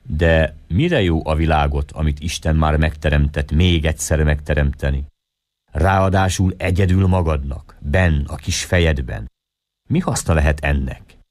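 A man voicing the old patriarch Noah, speaking slowly and gently, in an audiobook reading. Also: extremely low pitch, dry recording. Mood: doubtful. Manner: slow, measured.

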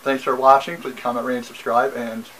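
A young man chatting through a casual haul video in a mid-pitched voice, rambling and circling back with frequent ums. He sits in a small bedroom, recorded on the camera's own mic, with a faint hiss in the background. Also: level tone, brisk, a bit bright, poor audio. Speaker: vlogger. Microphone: camera mic, seated facing camera.

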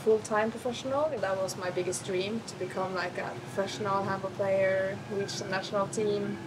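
A woman's voice: medium pitch, fairly even intonation, moderate pace, very noisy. A woman in her twenties from northern Norway, a Norwegian speaker talking in English as a guest in a casual chat, friendly and giggly, on an outdoor patio. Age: 20s.

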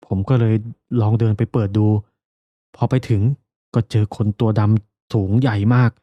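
A man's voice: on the low side, steady tone, measured pace, no room sound, muffled recording. A man voicing a frightened young male laborer in a ghost story, sounding shaken.

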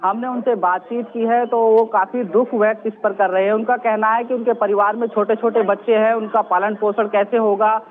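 A man's voice: high voice, level tone, moderate pace, few pauses. A male field reporter giving an earnest live news report from outdoors at a scene, repeating the key questions. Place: outdoors at a mall. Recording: tinny phone-line audio.

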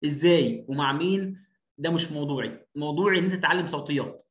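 A man with an Egyptian Arabic accent runs an online English phonics lesson, emphatically repeating each word over and over as a drill. He speaks quickly in a fairly high voice, and the recording carries a roomy echo.

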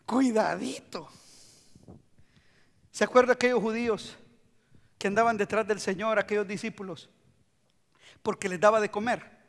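A man preaching a sermon as pastor, animated, acting out quotes and swinging between hushed and loud. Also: sits high, brisk, long pauses. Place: church sanctuary. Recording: long hall reverb.

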